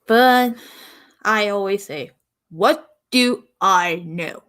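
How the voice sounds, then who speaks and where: A young woman from the American South hosting her own podcast in a casual, rambling way, pausing often and sighing. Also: mid-range voice, a bit bright, smooth. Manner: rambling, pauses often, sighs. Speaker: podcast host. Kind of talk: casual solo podcast talk.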